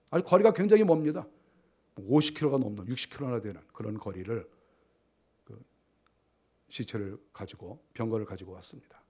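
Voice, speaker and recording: A male pastor preaching a sermon, telling the story vividly by acting out the characters' shouts and laughing along, then dropping into hushed, low narration.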